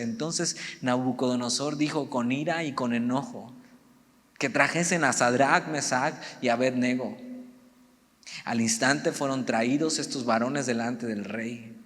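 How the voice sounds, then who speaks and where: Man preaching in a reverberant hall. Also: medium pitch. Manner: conversational preaching with humorous asides. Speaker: youth preacher. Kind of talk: sermon.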